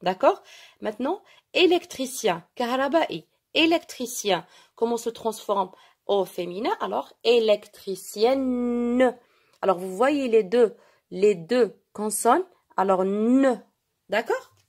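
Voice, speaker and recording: Lady teaching french, fairly high voice, goes over words slow and keeps asking "d'accord?". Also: expressive. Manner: switches between French and Arabic, repeats words slowly and asks "d'accord?". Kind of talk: classroom-style French grammar lesson.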